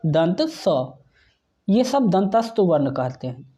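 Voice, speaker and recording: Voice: medium pitch, sing-song, slow pace, dark tone. A teacher giving an exam-prep grammar lesson, who spells out sounds one by one and often checks in with the viewer.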